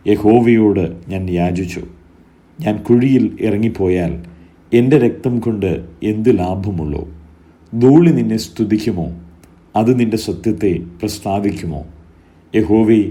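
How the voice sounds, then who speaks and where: A man giving a solemn scripture reading, measured and phrase by phrase, lifting his voice on each invocation. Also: lowish voice, warm tone. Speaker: scripture reader.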